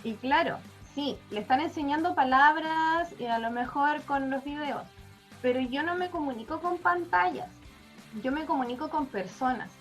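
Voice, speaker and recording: A woman's voice: high voice, normal speed, soft background music. A woman with a Chilean accent, a speech therapist giving parenting advice, checking in with her listeners as she explains. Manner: checks in with a frequent "¿ya?".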